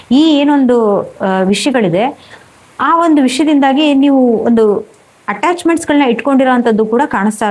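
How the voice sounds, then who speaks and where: Higher-voiced woman giving a tarot reading. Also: darkish tone, low-quality recording. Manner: rambling, repetitive, many fillers and restarts. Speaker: tarot reader.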